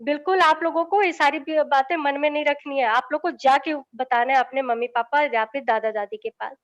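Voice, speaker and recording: A woman's voice: sits high, steady tone, a little fast, dull audio. A young woman giving a lesson to children, in a coaxing, patient way, checking after nearly every sentence that they follow. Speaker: children's teacher.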